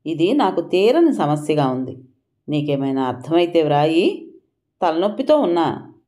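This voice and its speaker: A woman's voice: deep voice, very animated, unhurried, warm tone. A woman voicing an earnest, troubled young woman who speaks sincerely and questions sharply.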